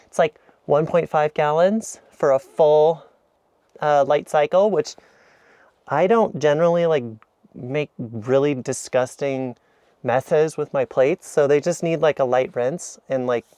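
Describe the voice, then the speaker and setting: A man's voice: fairly high pitch, a little slow, dark tone, clear, resonant tone, no room sound. A man in a camper van giving a chatty, rambling, self-deprecating tour of his kitchen, filmed on an action camera. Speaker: vlogger. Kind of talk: casual kitchen walkthrough vlog.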